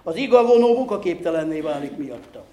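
A man telling an old folk tale in a lively, folksy way with rustic, old-fashioned words. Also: fairly high pitch, roomy sound, lo-fi sound. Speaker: storyteller.

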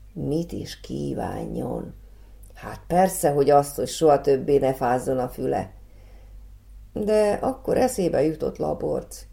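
A woman reading a fairy tale aloud for children in a calm, even storybook manner. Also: sits low, vocal fry.

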